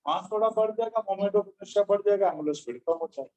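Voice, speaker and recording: High-voiced stern teacher lecturing a class. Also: male voice, fairly quick, a little mellow, rough recording. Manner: stern, lecturing students, calls them beta. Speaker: physics teacher. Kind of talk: classroom lecture, scolding then explaining.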